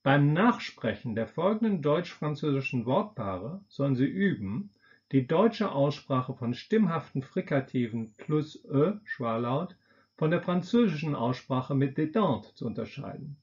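A pronunciation teacher leading a slow drill, saying each word twice with careful, deliberate articulation. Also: medium pitch, very animated, darkish tone. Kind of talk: slow pronunciation drill, words spoken in pairs. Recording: dull lo-fi recording.

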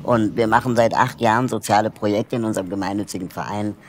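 A man's voice: lowish voice, fairly even intonation, fast talker, slight background noise. A man explaining a project and lecturing students in a hall, talking thoughtfully with frequent hesitation fillers. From Germany. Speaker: social project founder giving a lecture.

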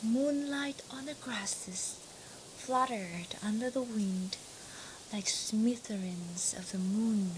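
Young woman, from Vietnam, storyteller, slow, breathy whispers, small indoor set. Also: on the high side, a little hiss or hum, low-quality recording. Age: 20s. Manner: soft, breathy, drops to whispers. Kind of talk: storytelling narration to camera.

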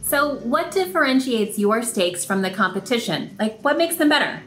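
A woman's voice: fairly high pitch, very animated, moderate pace. A young woman hosts a business show and reads her introductions and questions in a polished, upbeat presenter style. Her voice sounds roomy and echoey, with light music underneath. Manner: bright scripted presenter delivery. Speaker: host. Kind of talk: broadcast interview hosting. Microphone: video call webcam.

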